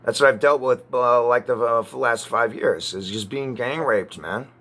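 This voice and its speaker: Angry guy ranting on camera, cusses a ton, keeps stopping and starting, bright edgy voice. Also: medium pitch. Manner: agitated, profane, halting. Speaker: vlogger.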